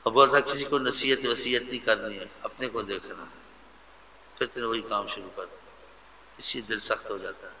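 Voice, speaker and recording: Gravelly male preacher in an echoey hall. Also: lowish voice, steady tone, pushed and bright, slight background noise. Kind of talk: sermon. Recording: echoey hall, dull lo-fi sound.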